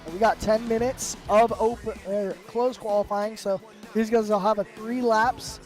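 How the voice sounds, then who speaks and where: Upbeat high-voiced man calling a sim race. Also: steady tone, normal speed, a little mellow, faint music behind. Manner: upbeat, rambling with fillers. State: sick with flu. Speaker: sim racing commentator. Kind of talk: live race commentary.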